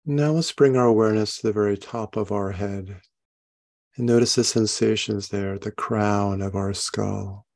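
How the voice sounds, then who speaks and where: A man leading a guided meditation, giving gentle, unhurried instructions and soft questions. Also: lowish voice, fairly even intonation, creaky. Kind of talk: guided meditation, body scan.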